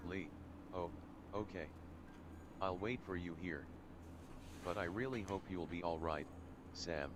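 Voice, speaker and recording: A man's voice: low-pitched, unhurried, long pauses. A synthetic text-to-speech voice of an older man, reading a game's narration and dialogue aloud in one mechanical way. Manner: reads everything in one mechanical way, lines and narration alike. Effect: text-to-speech screen reader voice. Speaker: game text reader. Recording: synthetic voice with clear background noise.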